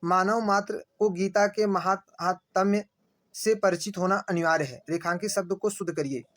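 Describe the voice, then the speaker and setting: High-voiced male teacher drilling answers. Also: fairly even intonation, moderate pace, fairly bright tone. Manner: repeats answers, asks rhetorical checks; points at screen, says "dekhiye". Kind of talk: exam prep lesson.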